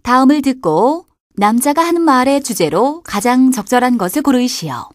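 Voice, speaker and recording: A woman announcer reading exam question numbers and instructions in a brisk, formal way. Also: high-pitched, lively intonation, no room sound. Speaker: test announcer. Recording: dry studio recording.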